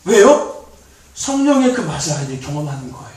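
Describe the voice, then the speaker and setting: Youth pastor, male, animated sermon delivery, recorded far off in a very echoey church hall. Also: a little high, a little fast. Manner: animated, repetitive, laughing often. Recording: very echoey, distant mic.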